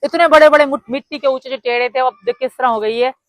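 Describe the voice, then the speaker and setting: A woman's voice: high voice, steady tone, fast talker, dry recording. A woman chatting casually in a family vlog, reminiscing about childhood. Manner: reminiscing, conversational.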